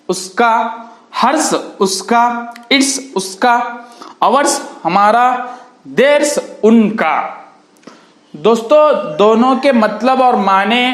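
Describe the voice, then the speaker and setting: A man teaching an English grammar lesson, slowly repeating each word along with its meaning. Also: extremely high pitch, fairly bright tone, reverberant.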